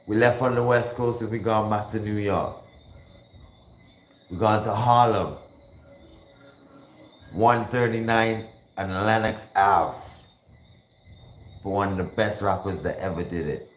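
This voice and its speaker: A man's voice: on the low side, fairly even intonation, slow pace, pauses often. A man hosting a hip hop call-in show, chatting casually and slangily as he counts down songs. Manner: laid-back, slangy, counts down songs and breaks into rapping. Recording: echoey room with faint background noise.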